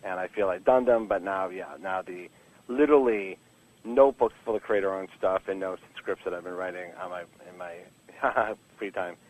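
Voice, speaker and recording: On a rough recording, a deep-voiced man is being interviewed on a podcast about his work as a comic book writer. He speaks casually and frankly, rambles, restarts sentences often, and keeps joking.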